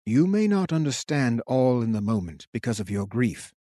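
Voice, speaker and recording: A man voicing an ancient resurrected king who speaks slowly and gravely in an audiobook. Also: mid-range voice, big pitch swings, dark tone, no echo, studio quality, lightly acted. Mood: gentle solemn. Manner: slow, grave, measured. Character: ancient resurrected male king, commanding, solemn. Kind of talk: audiobook character voice.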